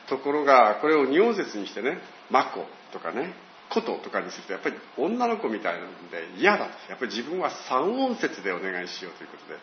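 Older man, pastor, Bible teaching, lively up-and-down pitch, dull roomy recording. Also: slight background noise. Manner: slow, storytelling, with lively pitch.

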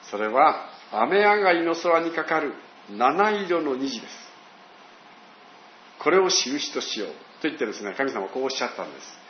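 An older male pastor gives a slow, storytelling Bible talk with a lively, rising and falling voice. The recording is dull and roomy, with a faint hiss behind him. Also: medium pitch.

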